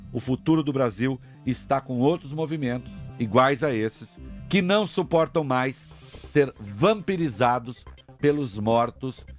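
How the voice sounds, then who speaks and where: A man from Brazil hosting an opinionated talk radio show, combative and sarcastic, mocking people with put-on voices and swinging from muttered asides to loud outbursts. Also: mid-range voice. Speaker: radio commentator.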